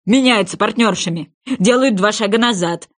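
A woman's voice: medium pitch, moderate pace, natural voice. A woman voicing a boisterous, bossy male sea wolf fish in a storybook reading, speaking in emphatic exclamations. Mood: exclaiming.

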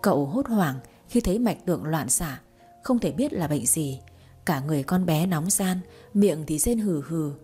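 Mellow, husky woman narrating a story. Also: low-pitched, normal speed, faint music behind. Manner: steady, expressive storytelling. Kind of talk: audiobook narration.

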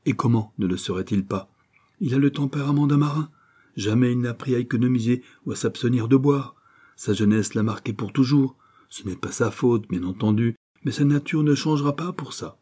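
A man's voice: medium pitch, brisk, warm tone, slightly rough, voice pushed up, lightly acted. A man reading an audiobook voices a proper bourgeois mother who lectures her daughter firmly. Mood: stern. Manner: firm, lecturing.

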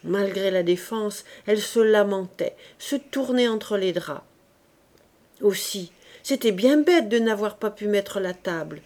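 Woman reading a classic novel aloud. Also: mid-range voice. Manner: measured, expressive literary reading. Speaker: audiobook narrator.

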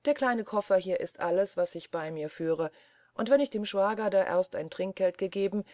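A woman reading the lines of a cheerful, brisk young male traveler who answers in a light, easygoing way. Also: medium pitch, warm tone, dry recording, lightly acted.

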